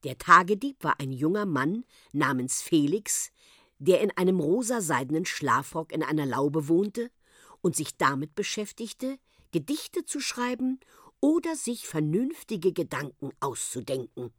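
A woman reading a children's story aloud as an expressive narrator. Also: sits low, unhurried, no room sound, studio quality.

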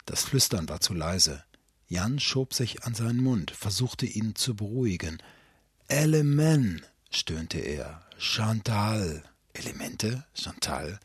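A man giving an expressive dramatic reading of a thriller excerpt. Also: lowish voice, measured pace, breathy edge, dry recording, clean studio sound. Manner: expressive, animated.

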